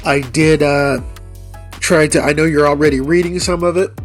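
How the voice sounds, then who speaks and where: A man in a casual monologue who rambles a little and reads a long list quickly, slightly out of breath. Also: fairly high pitch, steady tone, faint music behind. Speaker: vlogger.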